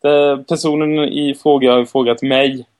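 A man's voice: medium pitch, little pitch movement, darkish tone. A man hosting a podcast in casual chat, joking around, repeating himself and tripping over his words. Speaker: podcast host.

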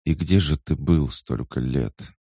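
A man with a deep, gravelly voice voicing a frightened, broken young woman, an addict who pleads through tears. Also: dark tone, no room sound, studio quality, heavily acted. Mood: stunned. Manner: tearful, halting pleas.

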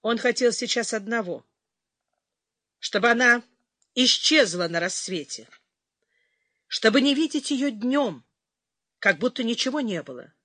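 A woman narrating an audiobook in an even, unhurried reading voice. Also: on the high side, dry recording. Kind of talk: scripted narration.

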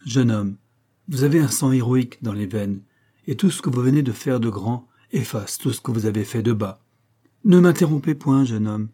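Male reader playing a stern noble count, storybook, lofty delivery, mellow low timbre. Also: lively intonation, moderate pace, natural voice. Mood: solemn. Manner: lofty, declamatory. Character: proud old Florentine count, stern noble father.

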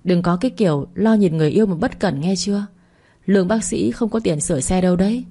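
Woman reading a teasing young male doctor, bantering, low mellow voice, audiobook story. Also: fast talker, breathy edge. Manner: joking, bantering.

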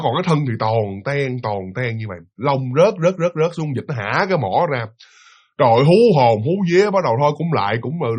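A man with a Southern Vietnamese accent telling a ghost story in a lively, animated way and speaking straight to his listeners. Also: on the high side, breathy edge.

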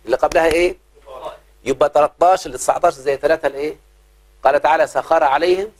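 A man with an Egyptian accent teaching an Arabic grammar lesson to a class, often stopping to quiz his students and stretching out his example phrases. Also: fairly high pitch. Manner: questioning, drawn-out examples.

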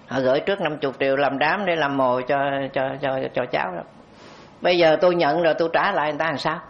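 A man's voice: a little high, a little hiss or hum. A man with a Southern Vietnamese accent, a Buddhist monk giving a dharma talk, who tells a story, acts out the people in it and asks the audience questions. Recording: dull lo-fi recording.

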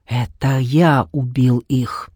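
A reader voicing a menacing male shadow mage with a cold, hissing, low and rough voice. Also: fairly even intonation, takes it slowly, darkish tone, dry recording, studio quality. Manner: cold, sneering. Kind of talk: audiobook reading.

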